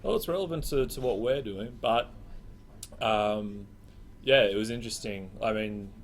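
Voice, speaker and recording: Gravelly-voiced man chatting. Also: fairly low pitch, moderate pace. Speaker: host. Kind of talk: casual live stream chat.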